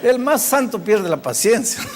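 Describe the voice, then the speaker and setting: An older male pastor preaches with a fairly high voice, recounting a story and taking on each speaker's lines with lively delivery. His words carry a long reverb from a large hall. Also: normal speed, crowd noise, background noise. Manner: animated storyteller acting out dialogue. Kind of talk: sermon storytelling.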